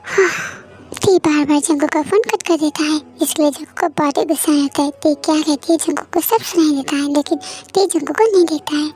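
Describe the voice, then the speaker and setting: A woman's voice: high voice, fairly quick, a little mellow. A woman narrating a fan-fiction story in a casual, plain style. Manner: plain, simple scene narration.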